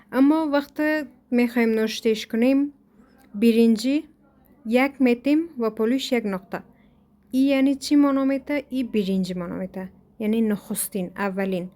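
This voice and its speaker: A woman with an Afghan Dari accent teaching a language lesson from a textbook. She reads each example aloud and then explains it slowly, step by step. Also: on the high side, mellow.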